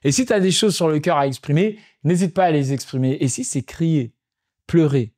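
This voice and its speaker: Guy telling dad stories on a podcast, kinda high voice, reflective, repeats himself for emphasis. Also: moderate pace, darkish tone. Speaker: podcast host and father. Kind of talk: casual storytelling monologue.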